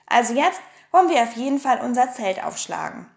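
Pippi, a woman doing a hoarse fearless girl. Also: fairly high pitch, sing-song, a little fast. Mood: cheeky. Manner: boastful, playful. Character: bold cheeky girl adventurer, fearless. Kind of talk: audiobook reading.

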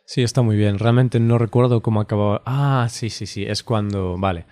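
A man from Spain co-hosting a podcast in casual, unscripted conversation, relaxed and chatty with frequent laughs and hesitant fillers. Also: on the low side, moderate pace, no echo. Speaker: podcast co-host.

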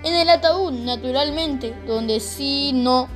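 A woman voicing a young boy vampire in a storybook reading, wry, secretive and often hushed. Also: high-pitched, slow pace, faint music behind.

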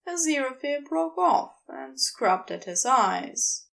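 A woman with a high, creaky voice narrates a work of fiction. She takes her time, measured like careful audiobook storytelling, while her pitch stays very animated.

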